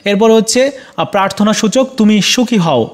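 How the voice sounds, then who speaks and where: A man with a Bangladeshi Bengali accent and a fairly high voice explains exam answers to students. He speaks to them directly as a teacher, pausing often on "ah" and correcting himself as he goes. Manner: addresses students directly, frequent "ah" fillers and self-corrections. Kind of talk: exam solution walkthrough.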